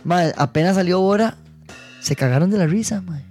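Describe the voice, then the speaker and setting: A man with a Costa Rican accent, a podcast guest telling relaxed, reflective anecdotes with casual swearing. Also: high voice, moderate pace, faint music behind. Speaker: guest, actor and musician. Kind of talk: casual chat.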